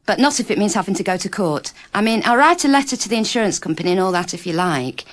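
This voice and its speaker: A woman's voice: mid-range voice, sing-song, quick pace, lightly acted. A woman playing a firm, indignant witness. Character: female witness to a car crash, firm. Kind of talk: scripted exam dialogue.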